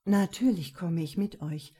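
A woman's voice: lowish voice, measured pace, dark tone, slightly rough. Woman voicing an earnest young lover. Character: young man in love, earnest and impulsive.

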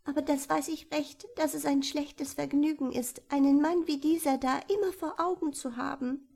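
A woman's voice: sits high, fairly even intonation, moderate pace, creaky, a little mellow, voice pushed up. A woman voicing a shy, tearful young girl who speaks out bluntly, in a storybook reading. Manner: childishly outspoken, whiny.

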